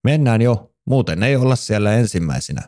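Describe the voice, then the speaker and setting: A man voicing an eager, excited young female squirrel in a children's storybook, raising his voice into exclamations. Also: fairly low pitch, no room sound, studio quality.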